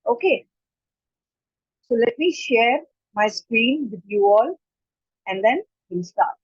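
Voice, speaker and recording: A woman teaching pronunciation in an online class. She repeats each word slowly and deliberately, mixing Hindi and as she explains. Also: a little high, expressive, husky, no echo, muffled recording. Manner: slow, deliberate repetition of words to model pronunciation. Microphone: computer mic during a screen-shared online class.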